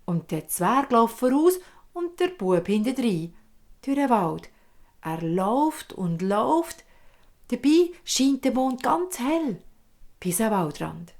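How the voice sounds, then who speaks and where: A woman with a Swiss German accent telling a fairy tale in a vivid, expressive way. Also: a little high, takes it slowly. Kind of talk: oral fairy-tale storytelling.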